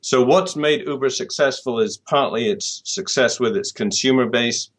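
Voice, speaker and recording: In a conversational interview, a UK author talks at a moderate pace in a medium-pitched voice. He is thoughtful, often repeating words and starting over as he reasons.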